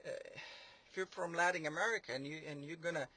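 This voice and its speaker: A man's voice: a little high, quick pace, sharp tone, breathy edge. A man delivering a sarcastic political monologue, rambling and mocking, with many fillers and restarts. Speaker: commentator.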